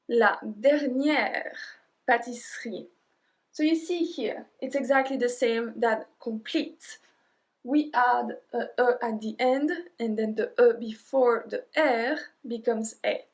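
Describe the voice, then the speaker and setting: A French-accented woman teaches beginners in a slightly high voice. She moves at an unhurried pace, spelling out letters and repeating each example phrase with care. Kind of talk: beginner grammar lesson.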